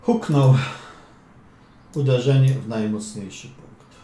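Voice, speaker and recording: This man has a mellow, medium-pitched voice and talks a little slowly while playing through a chess game as a coach. His casual commentary is playful and talkative, with witty remarks and mutters, set against an echoing room with a light hum.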